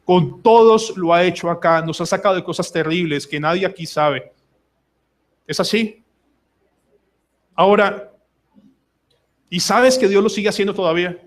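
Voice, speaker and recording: A man's voice: high voice, moderate pace, pauses often. A man preaching a sermon at a church service, emphatic, acting out prayers and quoted voices. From Colombia. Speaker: pastor.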